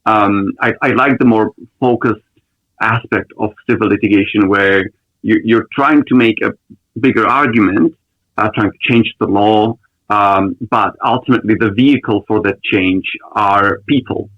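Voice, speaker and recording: A man from the Republic, a lawyer answering interview questions in a thoughtful, measured way with frequent ums. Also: lowish voice, no echo, muffled recording. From Czech Republic. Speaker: lawyer guest.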